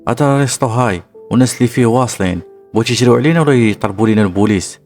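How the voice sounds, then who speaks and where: A man's voice: mid-range voice, very fast, a little mellow, soft background music, natural voice. A man voicing a frightened young woman friend with a Moroccan accent, protesting in panic. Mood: panicked.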